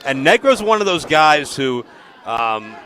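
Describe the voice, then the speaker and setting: Male lucha libre play-by-play announcer, bright forceful voice, mid pitch, light background noise. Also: very animated, unhurried. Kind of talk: lucha libre match commentary.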